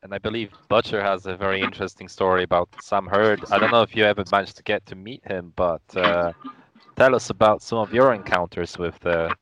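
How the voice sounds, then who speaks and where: A man hosting a podcast, relaxed as he hands over to a guest. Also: deep voice, brisk, highs cut off, noisy background. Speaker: podcast host. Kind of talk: casual chat.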